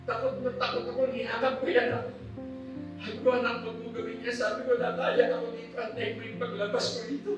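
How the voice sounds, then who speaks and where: A man's voice: very high voice, fairly even intonation, fast talker, highs cut off. A middle-aged man giving an earnest, emotional religious testimony to a congregation, speaking politely to his listeners. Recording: echoey hall with music, from far off. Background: soft instrumental music.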